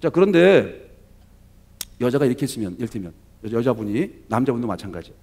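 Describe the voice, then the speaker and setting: A male pastor giving a sermon in an animated, conversational storytelling manner, often checking in with the congregation. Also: mid-range voice, fast talker.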